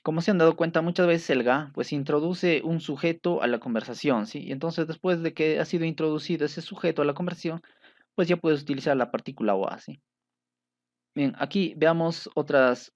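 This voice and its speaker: Hombre paciente explicando gramática japonesa. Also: male voice, a little high, no echo, studio quality. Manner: patient, checks understanding with frequent "¿sí?". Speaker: Japanese language teacher. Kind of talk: explanatory lesson.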